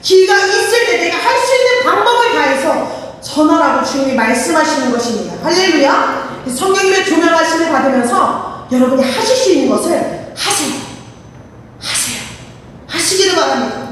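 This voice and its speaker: A woman's voice: very high-pitched, animated, moderate pace, a little hiss or hum. A woman pastor preaching a fervent sermon and calling for responses from the congregation. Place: church sanctuary. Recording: echoey church hall from far off.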